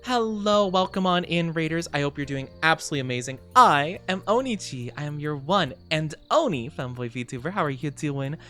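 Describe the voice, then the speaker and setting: A male game streamer chats casually with his viewers over soft music. His pitch swings freely up and down as he gushes thanks and greetings. He is bubbly and cutesy, often cooing. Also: animated, moderate pace, few pauses. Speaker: VTuber streamer host. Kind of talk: casual livestream chat while playing a game.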